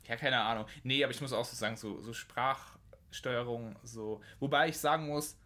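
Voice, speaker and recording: A man's voice: mid-range voice, normal speed, pushed and bright. A man in his twenties telling stories in a slangy, enthusiastic casual chat. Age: 20s.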